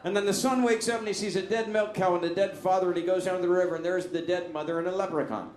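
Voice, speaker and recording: A man telling a long shaggy-dog joke in a rambling, deadpan way. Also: high voice, fast talker, roomy sound. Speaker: joke teller.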